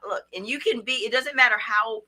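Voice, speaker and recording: Bright-voiced speaker giving earnest advice. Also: mid-range voice, brisk. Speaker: guest giving advice on police stops. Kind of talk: casual podcast advice.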